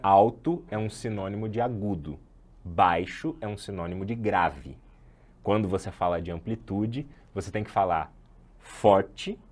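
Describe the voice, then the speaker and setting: Brazilian male instructor, lowish voice, chatty online lecture, loose explanations with self-corrections. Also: darkish tone. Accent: Brazilian Portuguese. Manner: chatty and explanatory, corrects himself mid-sentence. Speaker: sound design instructor.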